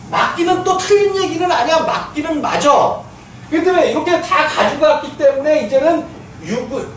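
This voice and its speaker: A male pastor giving a conversational sermon, asking his listeners questions and laughing now and then. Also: very high-pitched. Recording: echoey church hall from far off, faint noise.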